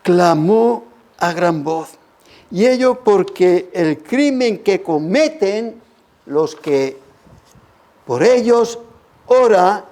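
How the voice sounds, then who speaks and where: A man with a Spanish accent preaching a sermon as pastor, slow and emphatic, his pitch rising and falling. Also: expressive, warm tone.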